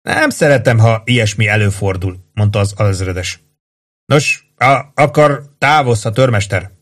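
A man's voice: fairly low pitch, animated, fairly bright tone. A man reading an audiobook voices a male lieutenant colonel who speaks in a formal, official tone.

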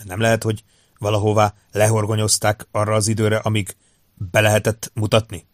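A man's voice: on the low side, monotone, dry recording, clean studio sound, natural voice. A man as a terse, shrewd detective. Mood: probing. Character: shrewd, gruff male detective. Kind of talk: audiobook character voice.

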